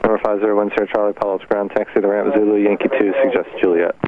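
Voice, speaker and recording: Man, air traffic controller, quick clipped-band radio, faint static, taxi instructions. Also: lowish voice, level tone, phone-quality sound. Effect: radio transmission.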